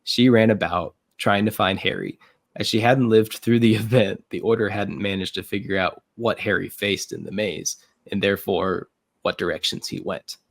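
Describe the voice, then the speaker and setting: A man narrating a fan story read-through in an even reading manner, with occasional slips. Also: fairly low pitch, moderate pace, creaky, no room sound, studio quality.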